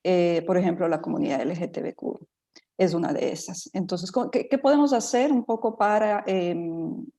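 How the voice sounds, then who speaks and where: A woman's voice: lowish voice, moderate pace, warm tone. A middle-aged woman from Ecuador speaking as a panelist in an online talk, thoughtful, with many fillers and restarts.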